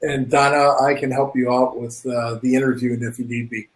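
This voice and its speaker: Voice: mid-range voice, level tone, a little fast, poor audio. An upbeat guest on a casual group video call, chatting and making light jokes. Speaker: guest on a live stream.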